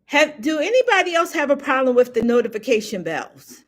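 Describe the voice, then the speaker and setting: A woman's voice: sits high, very animated, a little fast. A woman hosting her own live stream, chatting casually and rambling as she talks straight to her viewers. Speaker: livestream host.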